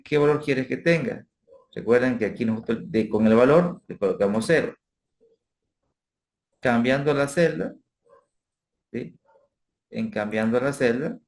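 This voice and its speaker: A man's voice: fairly low pitch, a little mellow. A man giving a recorded finance class over a spreadsheet, explaining step by step and checking in with his students with frequent tag questions. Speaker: instructor. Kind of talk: spreadsheet tutorial lecture.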